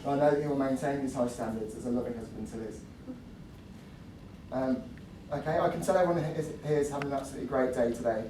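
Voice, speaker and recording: A man in his twenties giving a wedding toast to guests as best man, jokey and a little halting. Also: medium pitch, mellow. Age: 20s. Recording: roomy, distant mic, noisy venue.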